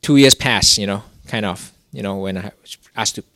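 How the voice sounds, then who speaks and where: A man's voice: on the low side, moderate pace, fairly bright tone, no echo, studio quality. A young man from Singapore, telling a personal story in a rambling way, full of fillers and restarts. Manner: rambling, many "you know" fillers and restarts. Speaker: guest telling his story. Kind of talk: casual testimony.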